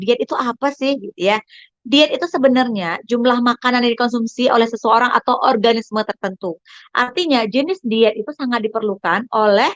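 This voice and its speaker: A woman's voice: high voice, a bit bright, dry recording, dull audio. A woman diet coach, giving a chatty online class lecture and often addressing listeners as friends.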